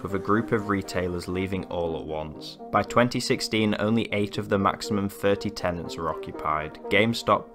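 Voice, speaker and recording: Deep-voiced male documentary narrator. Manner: measured, even delivery. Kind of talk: scripted documentary voice-over. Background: background music.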